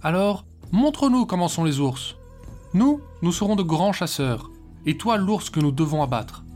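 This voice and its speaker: A man voicing a band of excited village children who shout and taunt. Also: high-pitched, normal speed, soft background music, pitched above the performer's own voice.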